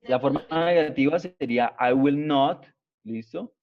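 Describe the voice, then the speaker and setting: Male teacher, mid-pitched, slow and patient, explaining step by step; muffled lo-fi class recording. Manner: slow, patient, repeats "¿listo?" after each point. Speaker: English teacher. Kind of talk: online class explaining grammar. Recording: dull lo-fi online class audio.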